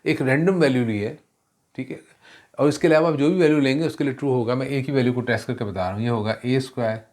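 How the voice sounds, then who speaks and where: A man's voice: medium pitch, fast talker, a little mellow. A man teaching a math lesson, mixing in English terms, explaining step by step and asking rhetorical questions. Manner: self-correcting, asks rhetorical questions.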